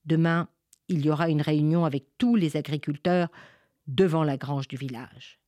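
A woman's voice: low voice, moderate pace, dark tone, dry recording, close to an everyday voice. Woman doing a grave, tender peasant father. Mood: solemn. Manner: solemn and fatherly.

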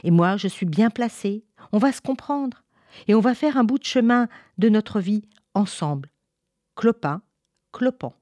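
A woman's voice: mid-range voice, lively intonation, unhurried, mellow, no room sound, pitched above the performer's own voice, lightly acted. A woman voicing a brave little boy with a limp, earnest and eager.

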